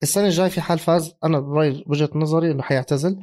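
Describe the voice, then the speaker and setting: A man, co-hosting a casual sports chat. He is animated, laughs often and mixes English phrases into his speech. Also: a little high, rapid-fire. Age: 30s. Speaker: podcast co-host.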